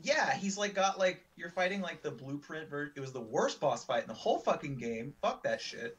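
A man's voice: on the high side, animated, normal speed, a bit bright. A man giving casual, rambling commentary over a video game, full of fillers and the odd swear. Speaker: let's play commentator. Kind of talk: casual gameplay chat.

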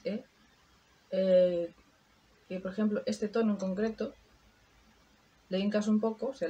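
A beauty vlogger chats her way through a casual makeup tutorial, thinking out loud as she works. Her mid-range voice is mellow, with a little hiss or hum in the recording.

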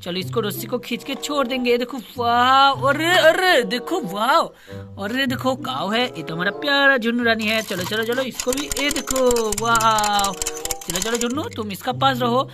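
A man narrating toy play for children as a channel host, excited and full of repeated exclamations. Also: very high-pitched, moderate pace. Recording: background music.

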